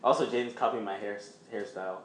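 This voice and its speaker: A young man hosting a casual podcast chat, joking and teasing his friends, with sudden loud bursts of mock outrage. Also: lowish voice, steady tone, fast. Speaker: podcast host. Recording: roomy room echo.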